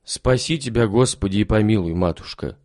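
A man's voice: on the low side, moderate pace, darkish tone, no room sound, studio quality, close to an everyday voice. A man voicing a timid, humble old soldier who talks meekly and gratefully in a storybook reading. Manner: meek, pious, grateful.

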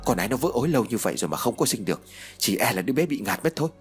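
A man voicing a domineering older woman who talks in a shrill, urgent, bossy way. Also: sing-song, very fast, soft background music, close to an everyday voice. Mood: anxious.

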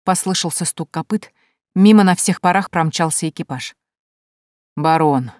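A woman narrating a first-person story as an audiobook, lively and acting out dialogue. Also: lowish voice, normal speed, dry recording, studio quality.

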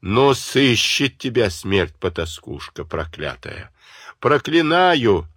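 A man's voice: medium pitch, sing-song, slow pace, fairly bright tone, dry recording, studio quality, pitched above the performer's own voice, full character voice. A man voicing a frightened, complaining old mother who groans and wails. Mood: wailing. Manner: groaning, wailing.

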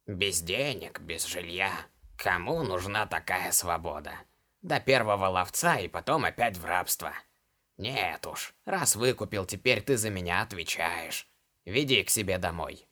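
A grim, imperious old shaman woman, as a male reader puts her on speaks in a low, hoarse voice. Her words come slowly and curtly, hushed and menacing. It is audiobook character work. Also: expressive, full character voice. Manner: slow, curt, menacing.

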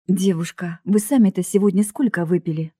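A woman's voice: fairly low pitch, a little fast, mellow, no room sound, lightly acted. A woman doing a weary male duty officer. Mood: sceptical. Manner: dry, sceptical.

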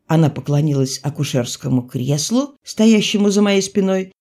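A woman narrates a literary audiobook. Her voice moves widely and expressively across the pitch range. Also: animated, moderate pace, dark tone. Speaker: audiobook reader.

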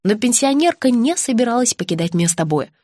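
A woman reads a first-person detective story in a wry, brisk way. Her voice sits a little high and has a husky edge. The recording is dry and close. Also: sing-song, dark tone, no room sound. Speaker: audiobook narrator.

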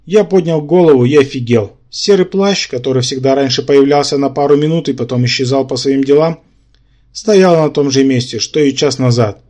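Male audiobook narrator, mid-pitched voice, steady first-person telling with wry asides. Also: moderate pace.

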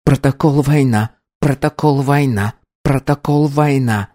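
A man reading an audiobook, voicing a feverish boy who mutters in a hoarse, halting voice. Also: medium pitch, warm tone, dry recording, studio quality, pitched above the performer's own voice, close to an everyday voice. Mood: muttering. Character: feverish boy straining in a trance.

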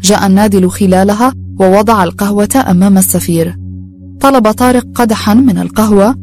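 Mellow-voiced woman narrating a story. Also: medium pitch, brisk.

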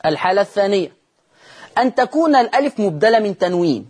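A man's voice: high voice, husky. A man with an Egyptian accent teaching Quran recitation rules on a TV lesson, repeating key terms and answering his own questions. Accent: Egyptian Arabic.

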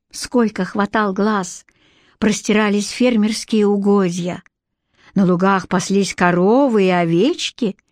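A woman narrating a children's fantasy audiobook, telling the story clearly and evenly. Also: medium pitch, a little mellow, no room sound, clean studio sound.

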